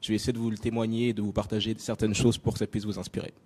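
Mellow-voiced French-raised man speaking. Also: lowish voice, level tone, rapid-fire, slight background noise. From France. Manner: personal, addresses audience directly, many fillers. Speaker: invited speaker. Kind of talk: conference talk on stage.

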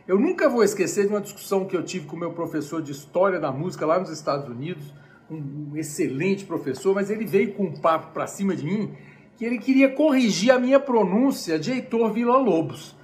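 Brazilian guy teaching music live from home, chatty and all over the place, high lively voice. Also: a little fast, a little hiss or hum. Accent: Brazilian Portuguese. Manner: chatty, animated, digressive. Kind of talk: informal live-streamed lecture.

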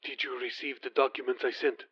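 A man's voice: medium pitch, flat delivery, takes it slowly, husky, highs cut off. A man voicing a commanding prince who speaks just above a whisper and turns cold and imperious. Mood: menacing. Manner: hushed then cold and imperious.

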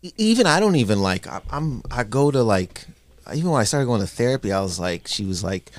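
A man in his forties from Canada, a comedian guest in a casual podcast chat, telling family stories in an animated way and acting out relatives' lines. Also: mid-range voice, a little fast. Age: 40s. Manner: animated storyteller who acts out family members' lines.

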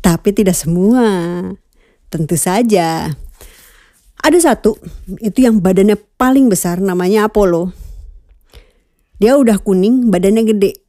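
A woman's voice: medium pitch, measured pace, pauses often, warm tone, dry recording, studio quality. A middle-aged woman chatting casually about the cats she keeps, musing aloud and dropping in English words. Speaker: cat owner vlogger. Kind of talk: casual chat.

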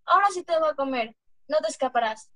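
A woman's voice: high-pitched, animated, fast talker, fairly bright tone, dry recording. A woman with a Mexican accent voicing a hungry, gullible, hot-tempered male coyote in an amateur folk-tale reading, blustering and sometimes stumbling over lines. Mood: threatening. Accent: Mexican Spanish. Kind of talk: amateur read-aloud folk tale acting.

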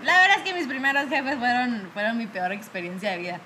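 A woman's voice: a little high, fast, slight background noise. Young woman telling work stories. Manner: animated storytelling, acts out her bosses' scolding; frequent fillers like "¿verdad?" and "va". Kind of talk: casual chat.

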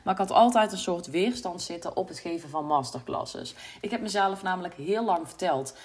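Low-voiced woman with a Brabant accent. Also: lively intonation, normal speed. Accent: Brabant Dutch. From Brabant, Netherlands. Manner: reflective, candid, many fillers. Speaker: podcast host, business coach. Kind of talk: casual solo podcast monologue.

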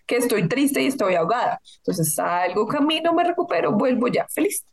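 Frank woman, slightly high voice. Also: animated, brisk, creaky. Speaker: podcast co-host. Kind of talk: casual chat.

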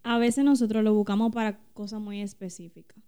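A woman's voice: medium pitch, level tone, fairly quick, mellow, clear, resonant tone. A woman talking earnestly and animatedly about faith as a podcast co-host, often calling her listeners "señores". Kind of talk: casual faith talk.

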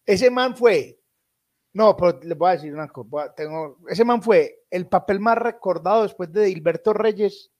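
A man's voice: high voice, normal speed, a little mellow. A man with a Colombian accent co-hosting a casual podcast chat, teasing his partner and swearing casually. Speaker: podcast co-host.

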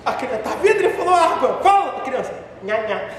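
A man preaching a sermon as a pastor, animated and mocking, swinging between shouts and soft asides. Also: very high voice, quick pace. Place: church hall. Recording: echoey hall, far from mic.

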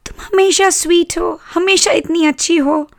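A woman voicing a young girl who tenderly protects her rag doll, in a high cooing voice. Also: fairly even intonation, a little slow, gravelly, no room sound, clean studio sound, full character voice. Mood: tender coaxing.

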